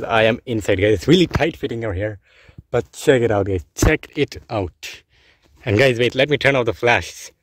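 A young man chatting casually as a vlogger while filming from inside a blanket fort in a parked car, talking excitedly and saying guys constantly. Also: medium pitch, a little hiss or hum. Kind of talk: casual vlog narration. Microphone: handheld phone camera.

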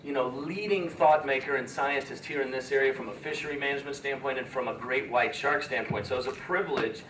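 A man leading an expedition gives an earnest, halting, emotional speech to schoolchildren, recorded from far off in a large room. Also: medium pitch, noisy background. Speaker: expedition leader. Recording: echoey room from far off, faint ambience.

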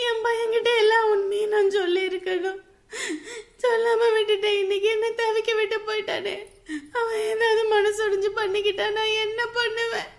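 An actress playing a frantic middle-aged mother who wails for her missing son, her voice gravelly. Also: very high voice.

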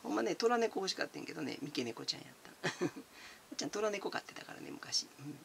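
A chatty man, answering viewer comments in a relaxed, giggly way. His voice sits fairly high and swings up and down a lot. There is a gravelly edge to it. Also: quick pace, a little hiss or hum. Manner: chatty and giggly, calls himself by nickname. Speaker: channel host.

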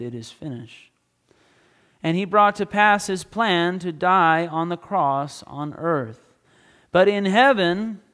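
A man's voice: high voice, a bit bright. A man preaching a sermon as a pastor, acting out the quoted lines with rising force. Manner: preaching with dramatic acted-out quotes. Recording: long hall reverb.

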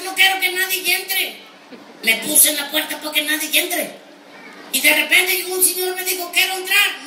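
Brief: a Mexican ranch hand, shrill and cheeky, cracking raunchy jokes, recorded far off in a noisy live room with a crowd. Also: male voice. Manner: high squeaky voice, bawdy punchlines, shouted outbursts. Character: naive boastful rural ranch hand, male. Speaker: stand-up comedian in character. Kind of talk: live comic monologue. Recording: roomy live venue from far off, crowd and noise.

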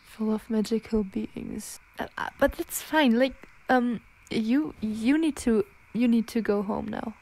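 In an ASMR audio drama, a woman plays a scared young werewolf girlfriend, her fairly high, slightly mellow voice stammering and pleading very slowly as she fights her transformation. She sounds nervous and evasive, and the audio quality is poor.

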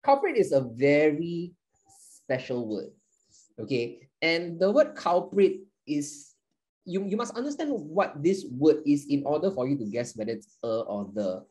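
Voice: medium pitch, sing-song, measured pace, a little mellow, rough recording. A teacher runs a live online class in a playful, joking way and counts down to each answer.

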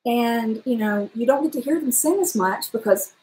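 A middle-aged woman, voice on the high side, powerful and trained, talks at a normal speed during a casual live stream from her home kitchen. She's chatty and animated, gesturing and breaking into song. The desk-distance webcam makes for a rough recording in an echoey room.

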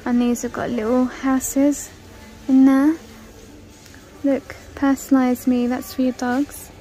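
A woman's voice: high-pitched, level tone, slow, mellow, soft background music, low-quality recording. A woman casually walking through a large store, chatting and listing prices as she films on her phone. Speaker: shopping vlogger. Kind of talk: casual shop-with-me walkthrough. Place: large indoor retail store. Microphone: handheld phone camera.

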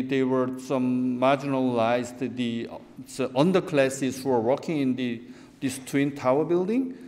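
A middle-aged man from South Korea giving a keynote academic lecture at a lectern, animated and gesturing, often restarting phrases. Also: on the high side. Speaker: keynote speaker. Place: large conference hall. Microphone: lectern microphone. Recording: long reverb of a lecture hall.

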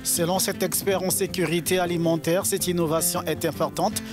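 A man reading a scripted news report as voice-over narrator, in a steady, even delivery. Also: sits high, normal speed. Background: music.

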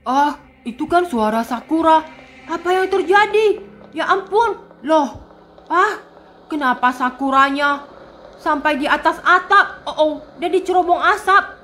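A woman narrating and voicing a school game role-play, talking excitedly to her viewers as friends. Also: high-pitched, unhurried, a little hiss or hum.

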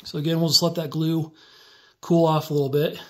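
Filmed indoors by a phone positioned over the bench, a man who makes DIY tutorials narrates a workbench build. His slightly high voice runs a little fast but stays relaxed as he casually describes each hands-on step.

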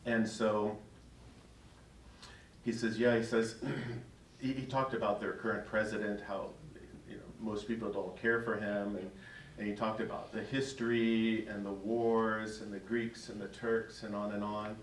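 A man's voice: fairly low pitch, flat delivery, measured pace, a little hiss or hum. Man talking in an echoey church hall. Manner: conversational, chuckling as he tells stories. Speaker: priest. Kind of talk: parish talk with storytelling. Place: church hall in front of an audience. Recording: echoey hall, distant mic.

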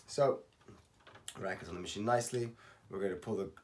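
A man in his thirties, slightly hoarse from losing his voice, calmly talking through a how-to tutorial step by step and counting aloud. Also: low-pitched, brisk, slight background noise. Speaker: racket stringing instructor. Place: home workshop at night. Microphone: camera on a tripod.

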